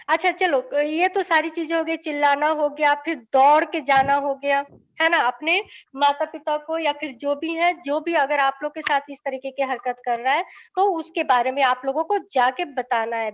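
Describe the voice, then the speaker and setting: A young woman with a high, fairly bright voice teaches a lesson to children, coaxing and patient. After nearly every sentence she checks that they're following along.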